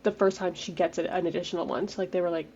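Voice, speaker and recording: A woman's voice: fairly low pitch, fairly even intonation, racing, mellow. A young woman with a mid-range voice eagerly retells scenes from a book in casual podcast talk. Her audio sounds a little dull and carries a faint hiss. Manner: enthusiastic, retells scenes with quoted lines. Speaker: podcast co-host.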